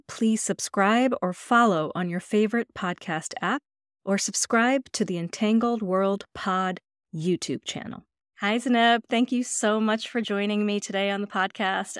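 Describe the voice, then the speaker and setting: A woman's voice: mid-range voice, clean tone, dry recording, studio quality. A woman hosting a podcast, speaking in an encouraging way with light laughs. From United States. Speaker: podcast host. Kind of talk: podcast interview.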